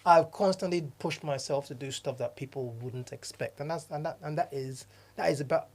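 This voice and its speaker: Nigerian-born male podcast co-host, earnest and halting, in relaxed conversation. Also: on the high side. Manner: earnest, repeats and restarts phrases, laughs often. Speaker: podcast co-host, diversity consultant. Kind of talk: casual chat.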